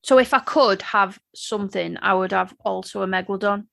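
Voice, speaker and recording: A woman co-hosting a casual podcast, earnest and enthusiastic, a little halting as she talks. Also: mid-range voice, vocal fry, a bit bright, no echo. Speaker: podcast co-host. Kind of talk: casual chat.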